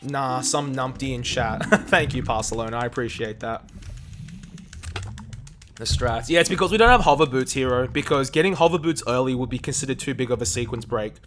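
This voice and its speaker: With background noise in the mix, a young adult Australian man speaks fairly quickly in a mid-range voice. He's streaming a game speedrun live, chatting easily with viewers he calls "mate" and "dude."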